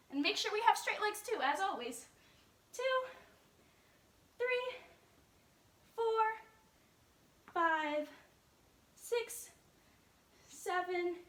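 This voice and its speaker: A woman's voice: very high voice, fairly bright tone. A woman coaching a follow-along stretch and strength workout, giving simple step-by-step cues, counting aloud and encouraging. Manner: simple step-by-step cueing with reminders. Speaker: fitness and gymnastics coach. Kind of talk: follow-along exercise instruction. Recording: roomy echo, distant microphone.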